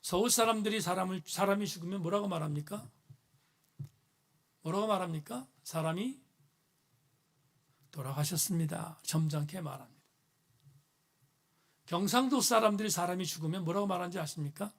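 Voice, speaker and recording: A man with a notably high voice delivers a sermon as pastor. His phrases build in earnest emphasis and then settle. He is speaking in a church. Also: brisk, vocal fry, long pauses, fairly bright tone.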